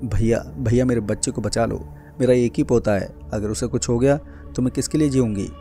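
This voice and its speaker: A man's voice: mid-range voice, fairly even intonation, fast, dark tone, faint music behind, natural voice. A man voicing a worried elderly grandmother who pleads for help. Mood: pleading. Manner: pleading, strained.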